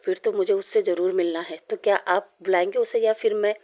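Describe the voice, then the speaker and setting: A woman voicing a rich young male mafia boss in a storybook reading, talking in a cool, insistent way with a mellow, flat voice. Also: medium pitch, brisk, lightly acted.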